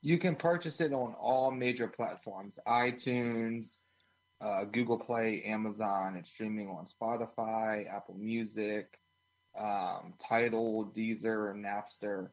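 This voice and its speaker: A man's voice: lowish voice, slow pace, low-quality recording. A man from Washington, D.C., a band drummer and interview guest, answering casually with many uhs between phrases. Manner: relaxed, filler-heavy, uh between phrases.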